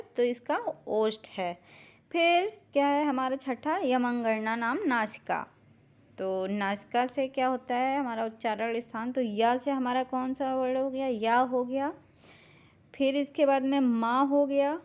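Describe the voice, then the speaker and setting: A woman teacher giving a lecture, asking questions and answering them herself, spelling out syllables slowly one by one. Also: sits high. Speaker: Ayurveda teacher. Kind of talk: classroom lecture, Sanskrit grammar.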